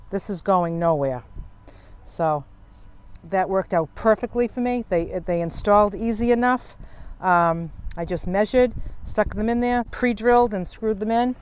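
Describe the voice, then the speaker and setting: An older woman vlogger stands outdoors at the open side door of a camper van, giving a casual, chatty how-to tour and explaining things as she works with her hands. Her voice has a medium pitch and a darkish tone. A small clip-on lavalier mic picks her up with slight background noise.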